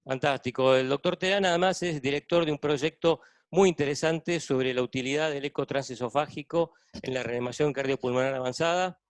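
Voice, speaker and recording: Hosting a medical webinar by video call, a Buenos Aires-accented cardiologist introduces his guests from a hospital intensive care unit. He talks fairly quickly in a clean, mid-range voice on a dry recording.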